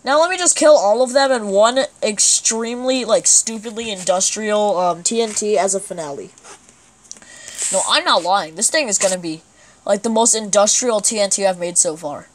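Excitable woman narrating her gameplay. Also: medium pitch, moderate pace, slight background noise. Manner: excitable, with sudden exclamations. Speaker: gamer. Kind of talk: let's play commentary.

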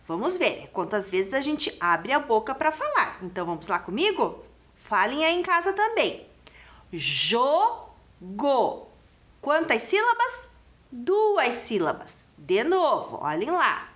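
Slow, swoopy lady teacher talking to little kids at home, high-pitched. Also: wildly swooping pitch, fairly bright tone. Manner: slow, sing-song, questioning children at home. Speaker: primary school teacher. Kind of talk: children's lesson on TV. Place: TV studio classroom.

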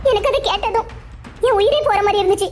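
A woman voicing a young woman who is torn and tearful over love, speaking in soft, hesitant replies in a cartoon dub. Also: extremely high pitch, fast talker, faint music behind.

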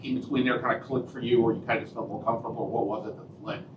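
A man's voice: mid-range voice, flat delivery, rapid-fire, muffled recording. A man reporter asking a long, rambling question at a press conference. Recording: distant, echoey room audio with loud background noise.

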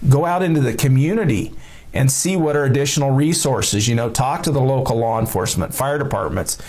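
A middle-aged man giving church security advice straight to camera in a small lamp-lit room, relaxed and plain-spoken, with frequent "you know" fillers. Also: medium pitch, fairly quick.

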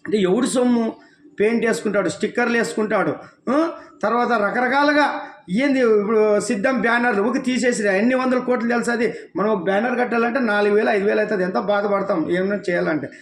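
A man delivers a heated political rant, and his voice sits very high. He talks extremely fast and keeps scolding his target with rhetorical questions. The recording has a roomy echo. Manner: scolding, rhetorical questions, addresses listener as nuvvu. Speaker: devotional channel speaker.

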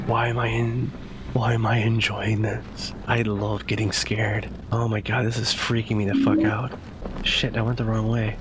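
A man's voice: lowish voice, level tone, moderate pace. Nervous male gamer over game noise. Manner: casual swearing, nervous. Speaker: horror game streamer. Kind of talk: casual live gameplay commentary. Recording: clear game ambience noise behind voice.

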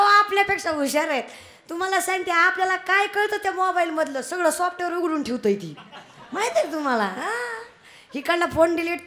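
A woman's voice: sits high, a bit bright. A young woman preaching a devotional kirtan sermon, teasing and scolding the crowd. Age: young adult. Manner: scolding, teasing, calls out to the audience.

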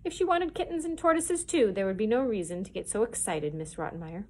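A woman reading the lines of a kindly but stern wealthy older gentleman in a children's storybook. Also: high voice, lively intonation, brisk, a little hiss or hum. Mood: sharp.

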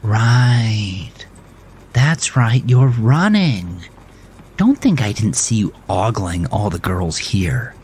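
A man's voice: fairly low pitch, sing-song, takes it slowly, a little mellow, slight background noise. A man voicing a confrontational woman at a gym, scornful and accusing, in an audio drama.

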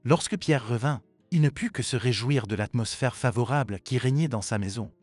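Steady male story narrator. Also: mid-range voice, moderate pace, no room sound. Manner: even, steady reading. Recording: dry with faint music behind.

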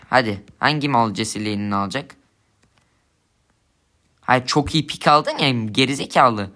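A man's voice: medium pitch, bright, forceful tone. A young man giving angry gameplay commentary, swearing and ranting at his teammates in frustration. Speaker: gamer streamer.

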